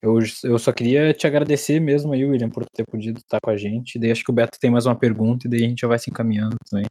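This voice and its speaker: A man co-hosts a podcast discussion in a casual, southern Brazilian accent. His voice is relaxed and dark, with hardly any room sound. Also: medium pitch, fast, dry recording. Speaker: podcast co-host.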